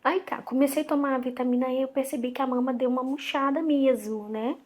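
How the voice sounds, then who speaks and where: Animated Brazilian woman telling her story. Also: high voice, fast talker. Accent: Brazilian Portuguese. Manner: animated, acts out quoted dialogue, frequent restarts. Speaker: guest. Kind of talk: personal storytelling in conversation.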